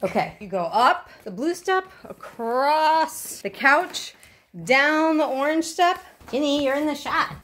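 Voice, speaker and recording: Middle-aged woman, high, lively voice; cheerful dog-owner coaching, casual home video. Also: slow pace. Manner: cheerful, coaxing dog commands. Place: apartment living room.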